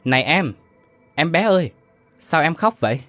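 A man's voice: fairly high pitch, very animated, normal speed, a bit bright, no echo, faint music behind, voice pushed up. A man voicing a curious, easily startled young man in a ghost story, asking nervous questions. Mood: coaxing.

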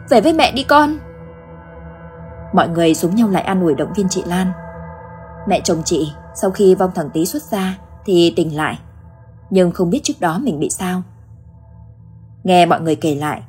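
A woman reading a ghost story aloud in an even storytelling manner. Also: on the low side, husky. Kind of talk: scripted narration of a ghost story.

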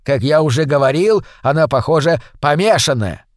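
A man's voice: a little high, expressive, moderate pace, dry recording, clean studio sound, lightly acted. A man doing a hissing, sneering little brother. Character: snide, hissing small brother.

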